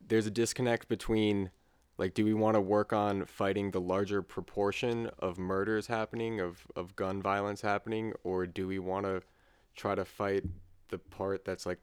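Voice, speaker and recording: A man's voice: low voice, smooth, no echo. A man in a casual student discussion, talking loosely with many fillers. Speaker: student panelist.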